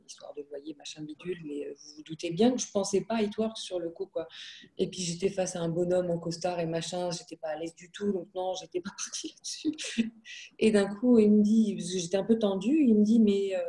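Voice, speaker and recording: Woman, 30s, casual storyteller, warm low voice, animated quoting. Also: a little fast. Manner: lively anecdotes, animated quoting. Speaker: network marketing distributor. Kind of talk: casual talk to camera.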